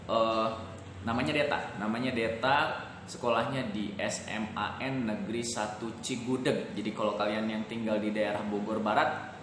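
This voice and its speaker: Low-voiced man in an echoey room. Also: fairly bright tone. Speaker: video host introducing the presenter. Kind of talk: casual video introduction. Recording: echoey room with background noise.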